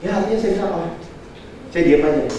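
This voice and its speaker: A man preaching in a storytelling style, acting out the dialogue with lively energy. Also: on the high side, brisk, slight background noise. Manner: lively, animated retelling with acted-out dialogue. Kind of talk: storytelling sermon. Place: church hall. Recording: echoey hall, mic far off.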